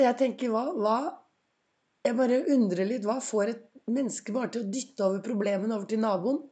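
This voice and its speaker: Woman, hoarse from a cold, mellow warm tone, reflective, motivational podcast host. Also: medium pitch. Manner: reflective, storytelling, asks listeners questions.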